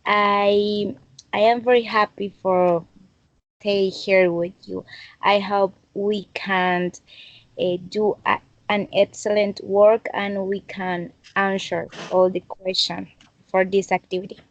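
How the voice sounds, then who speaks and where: Earnest young woman, slow and dry. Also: medium pitch, flat delivery, dry recording, highs cut off. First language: Spanish. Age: 20s. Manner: earnest, measured learner's English. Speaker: English student. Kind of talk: introduction and answer in class discussion. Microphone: video call.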